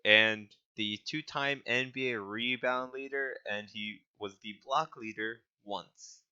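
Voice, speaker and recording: Slow, bright-voiced young man reading sports stats. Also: medium pitch, fairly even intonation, clean tone, lo-fi sound. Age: young adult. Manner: reads stats with stumbles and laughs. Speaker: podcast co-host. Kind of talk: casual sports chat.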